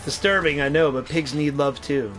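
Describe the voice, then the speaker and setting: A young man streaming a game, chatting casually and excitedly, swearing freely and talking back to the game. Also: a little high, normal speed, over music. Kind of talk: casual gaming commentary.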